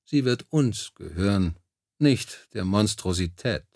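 A man voicing a thoughtful, patient male leader in an audiobook, speaking in a measured, deliberate way. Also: lowish voice, animated, darkish tone, no echo, clean studio sound, heavily acted. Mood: firm.

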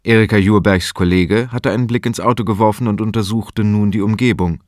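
A man narrating a crime audiobook in a calm, even storytelling manner. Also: fairly low pitch, brisk, no room sound, studio quality. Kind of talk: scripted narration.

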